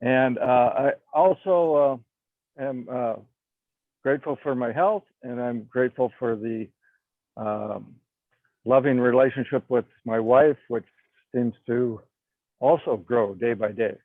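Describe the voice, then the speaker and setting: Halting man on a tinny line. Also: mid-range voice, no room sound. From Wisconsin, US. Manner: halting, many uh fillers. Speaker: call participant. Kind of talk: casual sharing on a video call. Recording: tinny phone-like dry call audio.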